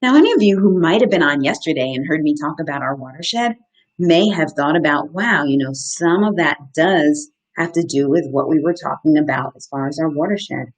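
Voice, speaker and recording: A woman in her thirties, an outdoor educator, hosts a children's story time from a small indoor room, reading aloud and stopping to ask questions and explain things in simple, encouraging words. Her voice sits low with lively intonation. A webcam at desk distance captures the live video stream, and the recording is rough.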